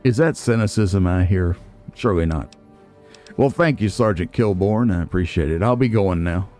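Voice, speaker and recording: A man hosts a video game playthrough, chatting casually and musing aloud with wry asides over game music. His voice is low, expressive and mellow, moving at a normal speed.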